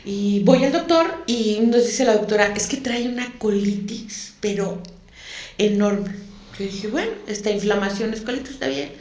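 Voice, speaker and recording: A woman's voice: medium pitch, normal speed, darkish tone. A woman, a guest telling a personal story in an interview, emotional and repeating words for emphasis. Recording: echoey room.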